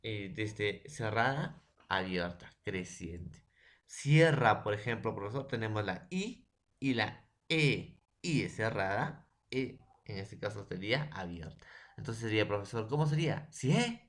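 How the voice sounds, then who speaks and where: A man's voice: lowish voice, expressive, a little slow, a bit bright. A Peruvian man with a Peruvian Spanish accent, a secondary school language teacher giving a recorded lesson, who spells words out syllable by syllable and keeps checking understanding with tag questions. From Peru.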